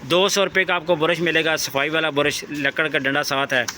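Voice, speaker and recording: A man hosting a shop tour in a sales-pitch style, repeating each item and price as he presents it. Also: fairly even intonation, fairly quick, pushed and bright, a little hiss or hum. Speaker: host presenting a wholesale shop's goods and prices.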